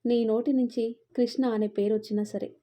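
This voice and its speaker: A woman's voice: fairly high pitch, little pitch movement, fairly quick, dark tone, lightly acted. A woman reading the part of a domineering, possessive young man who scolds and threatens. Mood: menacing. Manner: commanding, scolding.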